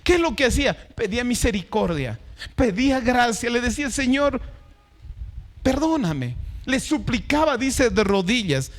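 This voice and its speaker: A man's voice: extremely high pitch, animated, moderate pace. A man preaching a sermon as pastor, reading scripture and asking the congregation questions.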